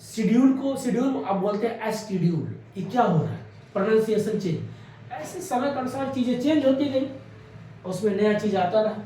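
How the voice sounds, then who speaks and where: A man lectures an exam-prep class in a fairly high voice, chatty and repetitive, tossing out rhetorical questions. He sounds a step away from the mic, and his voice booms around a bare, echoing room. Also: animated, brisk, mellow, distant mic, a little hiss or hum. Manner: conversational, repeats key words, asks rhetorical questions. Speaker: exam coaching teacher.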